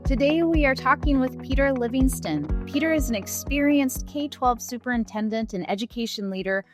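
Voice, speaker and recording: A woman's voice: sits high, moderate pace, music in the background. A woman hosting an interview podcast in an upbeat way, reading out her guest's introduction before starting the conversation. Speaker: podcast host.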